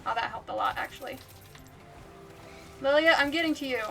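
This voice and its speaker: Bright, high-voiced giggly woman streamer. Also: fairly quick, soft background music. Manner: chatty and giggly, laughs often. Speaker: livestreamer. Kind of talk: casual gaming commentary.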